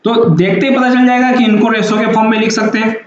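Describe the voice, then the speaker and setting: A man's voice: sits high, steady tone, quick pace, a little hiss or hum. A man teaching a maths lesson, explaining patiently and repeating each point with frequent checks. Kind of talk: classroom-style math lecture. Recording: very echoey, dull lo-fi room sound.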